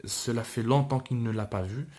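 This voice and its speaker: A man, a French teacher, reads a novel aloud and explains it to his students, pausing often with hesitant fillers and restarts. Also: medium pitch, dark tone.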